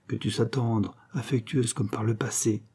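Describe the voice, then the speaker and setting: A man's voice: medium pitch, moderate pace, breathy edge. A man voicing a cold, sinister schemer. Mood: commanding. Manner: icy, calm, commanding. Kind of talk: audiobook character reading.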